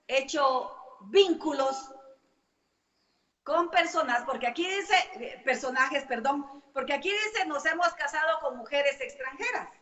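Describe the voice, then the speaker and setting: A woman's voice: sits high, bright, forceful tone. A woman preaching a church sermon, stressing her points by repeating phrases in long lists. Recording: echoey hall, distant mic, dull sound.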